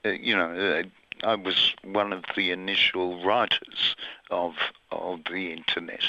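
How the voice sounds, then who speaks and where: A man with an Australian accent calling in to a radio show, speaking in a measured, articulate, wry way over a phone line. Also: sits low, steady tone, gravelly, sharp tone. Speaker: caller. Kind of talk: phone-in caller.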